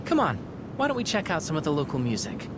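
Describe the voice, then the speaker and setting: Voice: mid-range voice, wildly swooping pitch, fast talker, heavy background noise. An actor playing a sly, playful, confident scholar in a video game, with a wry, flowery, theatrical manner. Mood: playful, curious. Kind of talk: video game character dialogue.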